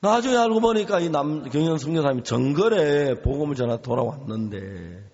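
Lively storytelling preacher in an echoing hall. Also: male voice, a little high, brisk. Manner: animated storytelling, acts out quoted voices. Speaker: pastor. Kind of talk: sermon. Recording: reverberant hall, dull lo-fi sound.

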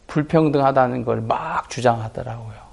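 A man's voice: mid-range voice, moderate pace, vocal fry, darkish tone, breathy edge. A middle-aged man, a pastor and school principal, preaching with stories and acting out the voices of students in dialogue. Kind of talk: sermon with storytelling.

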